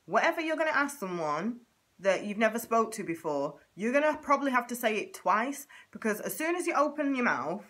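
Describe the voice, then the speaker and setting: A woman's voice: a little high, big pitch swings, a little fast, fairly bright tone. A woman from Manchester with a Mancunian accent, chatting playfully to camera in a comedic vlog. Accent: Mancunian English. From Manchester, England. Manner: playful, with exaggerated mimicry of others. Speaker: vlogger.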